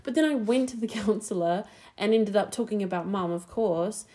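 A woman's voice: medium pitch, normal speed, warm tone. A young woman with a New Zealand accent, chatting casually as a podcast host, full of fillers and restarts.

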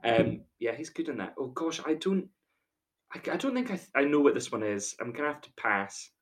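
A man's voice: mid-range voice, very animated, a little fast. A man co-hosting a podcast in casual chat, taking a quiz, chatty and often hesitant. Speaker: podcast co-host, quiz contestant.

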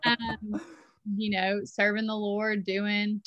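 A woman's voice: mid-range voice, flat delivery, a bit bright, dull audio. A young woman from Alabama with a Southern accent, a bubbly and playful guest chatting on a podcast. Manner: bubbly, playful, quick to laugh. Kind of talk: casual interview chat.

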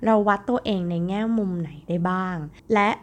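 Her voice mid-range and fairly quick, a young woman runs her own podcast alone. She's friendly and chatty, addressing listeners directly and peppering her speech with polite particles.

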